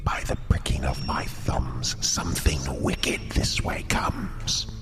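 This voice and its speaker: An actor playing a ghostly male horror presence, whispering with a gravelly voice in an audio drama. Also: extremely low pitch, slow, full character voice. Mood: ominous. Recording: music behind the voice.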